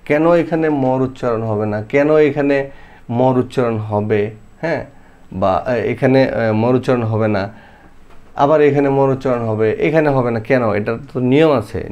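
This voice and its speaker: A man's voice: medium pitch, darkish tone. Man teaching spelling rules. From Bangladesh. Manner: conversational, repeats example words slowly, asks rhetorical questions. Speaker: primary school teacher. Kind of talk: explaining Bangla spelling rules to viewers.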